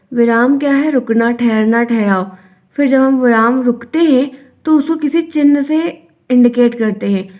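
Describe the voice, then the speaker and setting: Young female teacher, higher register, patient and repetitive explainer for an online lesson. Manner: explains by repeating, acts out example sentences. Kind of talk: online Hindi grammar lesson.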